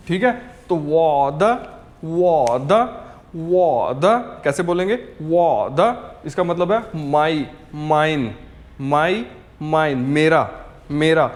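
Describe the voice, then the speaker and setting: A man with a high voice teaches a beginner lesson at an unhurried pace. He repeats each word slowly so learners can say it back after him. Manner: patient, repeats words for learners to copy, says "ok" often. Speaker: language teacher. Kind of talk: slow step-by-step language lesson.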